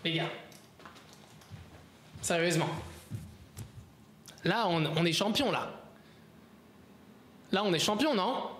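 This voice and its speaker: A man's voice: high-pitched, animated, takes it slowly, long pauses, fairly bright tone. A man streaming live, chatting casually and joking back at his viewers' comments as he sorts through things. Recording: roomy echo, faint background noise.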